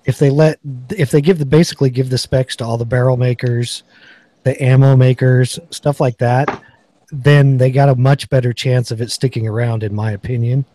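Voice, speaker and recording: A man's voice: medium pitch, fairly even intonation, normal speed, warm tone. A man hosting a casual podcast chat, reading off rifle features and specs. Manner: chatty, reads off product specs. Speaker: podcast host. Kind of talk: casual gun review chat.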